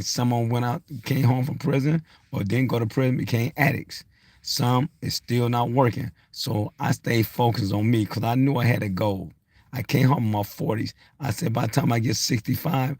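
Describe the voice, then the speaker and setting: An unscripted, blunt motivational rant comes from a man of roughly sixty who posts on social media, pressing his points through repetition. His medium-pitched voice is slightly rough, with no room sound.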